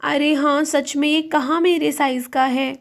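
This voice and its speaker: A woman telling and acting a doll story, speaking as a homely elder sister-in-law and mother who chats and gently scolds. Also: sits high, fairly even intonation, measured pace.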